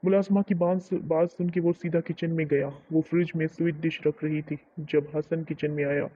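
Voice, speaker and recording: A man who hosts a novel-reading channel, narrating a romance novel in a calm, steady way. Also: on the high side, normal speed, a little hiss or hum. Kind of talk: storytelling narration. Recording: muffled lo-fi recording.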